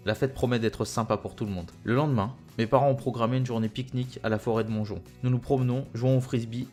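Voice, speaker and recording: Low-voiced man narrating a story. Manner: calm, even storytelling in present tense. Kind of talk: scripted first-person story narration. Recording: faint guitar music behind. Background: faint guitar music.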